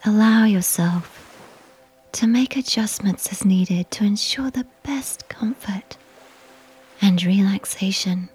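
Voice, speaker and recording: A woman whispering a slow, soothing guided sleep meditation. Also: medium pitch, breathy edge, poor audio. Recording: soft music behind.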